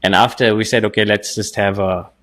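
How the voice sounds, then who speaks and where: A man's voice: fairly low pitch, fairly even intonation, fairly quick, fairly bright tone. A man with a South African accent, chatting casually as an interview host and telling things in a conversational way. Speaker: podcast host.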